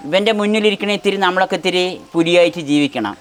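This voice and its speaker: A man's voice: high-pitched, quick pace, soft background music. A man, an uncle caring for his nephew, answering interview questions in a plain, easygoing way. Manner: plain-spoken, coaxing the boy gently. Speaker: uncle and caregiver.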